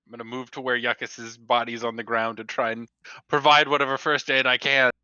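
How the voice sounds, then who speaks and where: Bright-voiced man on a dull call. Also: medium pitch, little pitch movement, brisk, smooth, no echo. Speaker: player. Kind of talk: casual tabletop play.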